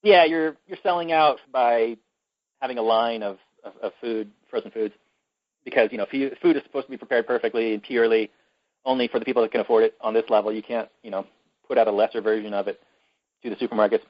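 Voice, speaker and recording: A man's voice: mid-range voice, fairly even intonation, quick pace, no echo. Rambling man on a dull dry podcast mic. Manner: rambling, many fillers and restarts. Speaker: podcast co-host. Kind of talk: casual podcast chat.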